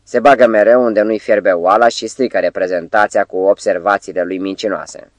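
A man's voice: fairly low pitch, steady tone, no echo, natural voice. Man putting on a bleating, mocking trickster. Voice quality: bleating, goat-like. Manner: mocking, menacing. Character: mocking male sidekick with bleating voice.

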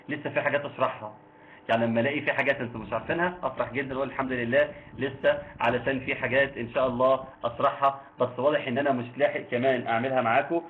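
A man with an Egyptian accent teaching Quran recitation, quizzing listeners and slowly chanting verses. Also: mid-range voice. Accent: Egyptian Arabic. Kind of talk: online tajweed lesson. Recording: tinny phone-like line with faint noise.

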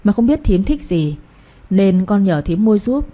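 A woman's voice: medium pitch, big pitch swings, unhurried, mellow. Woman doing a cunning young wife. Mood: ingratiating. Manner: falsely sweet, ingratiating.

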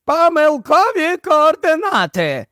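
A fussy, excitable old professor-inventor, as an audiobook narrator puts him on, pitched well above the reader's own voice and sounding a little distant. He turns shrill and loud when flustered, in a dry, close recording. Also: unhurried, dry recording, heavily acted.

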